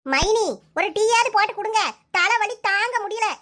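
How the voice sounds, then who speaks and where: A woman's voice: extremely high pitch, normal speed, pushed and bright. A woman voicing a touchy, quarrelsome young sister-in-law in a comic cartoon, trading insults in a Kanyakumari Tamil accent. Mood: sulky.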